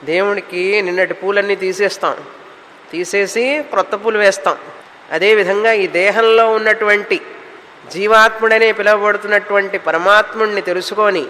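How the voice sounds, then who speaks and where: A man giving a spiritual discourse, asking questions and answering them himself, with slow chanted verses. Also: high-pitched, fairly even intonation, pushed and bright. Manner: rhetorical questions answered himself, repeats key words; chants Sanskrit verses slowly. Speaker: spiritual teacher. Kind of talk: Vedanta discourse. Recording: faint noise, long hall reverb.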